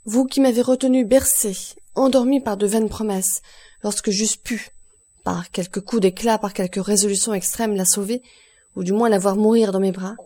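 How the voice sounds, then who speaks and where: A woman's voice: medium pitch, steady tone, moderate pace, mellow, lightly acted. A woman reading the lines of an anguished young man, desperate and furious, with passionate, pleading outbursts. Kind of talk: audiobook reading of a novel.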